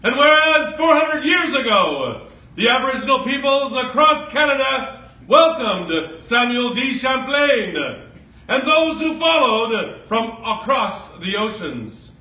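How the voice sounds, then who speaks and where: A man declaiming a proclamation as a town crier, formal and ceremonial, projecting each phrase deliberately. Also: extremely high pitch, big pitch swings, sharp tone. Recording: echoey, picked up from a distance.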